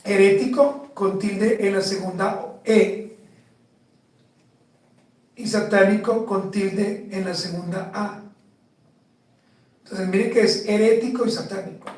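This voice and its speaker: A man preaching a sermon as pastor, slow and emphatic, putting rhetorical questions to the congregation. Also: high voice, steady tone, a little mellow, very echoey, recorded from a distance, poor audio. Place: church.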